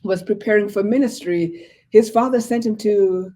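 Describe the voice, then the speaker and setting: A woman's voice: mid-range voice, moderate pace. A woman in her forties, originally from Zimbabwe, a pastor telling her story as a guest with many fillers. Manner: warm storytelling with frequent fillers. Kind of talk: casual interview talk.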